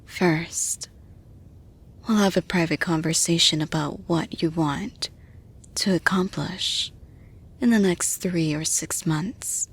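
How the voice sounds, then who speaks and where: A husky, fairly low female voice belongs to a woman portraying a composed, supportive boss in an intimate roleplay recording. She speaks to the listener gently and in measured fashion, keeping the mood calm and reassuring.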